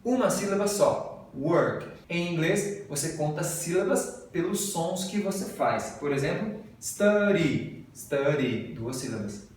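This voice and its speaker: A man's voice: fairly high pitch, animated, unhurried, a little hiss or hum. Brazilian man teaching, echoey and distant. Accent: Brazilian Portuguese. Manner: explains patiently and drills pronunciation. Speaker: English teacher. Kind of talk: video lesson. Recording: very echoey room, voice off-mic.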